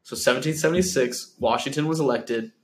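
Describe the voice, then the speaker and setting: A man's voice: mid-range voice, a little fast. A man of twenty, co-hosting a podcast in a casual comedic chat, rambling and laughing often. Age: 20s. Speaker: podcast co-host.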